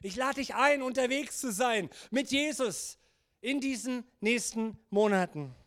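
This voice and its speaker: At a church service, a pastor preaches earnestly in a notably high voice for a man, urging his listeners on with lively intonation and a slightly slow pace. When he gives God's words, he sinks low and quiet.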